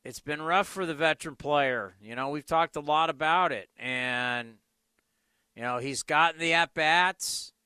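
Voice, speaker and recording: Male sports talk host, slightly high and sharp voice, conversational and blunt, very dry studio sound. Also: a little slow, smooth, dry recording. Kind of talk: casual sports talk, commentary.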